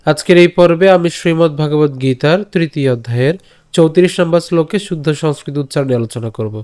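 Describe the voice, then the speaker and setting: Guy teaching how to say old verses, a bit high voiced, repeats each syllable over and over, slow and careful. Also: darkish tone. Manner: spells out syllables slowly and repeats each one. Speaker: scripture teacher. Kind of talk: slow recitation lesson.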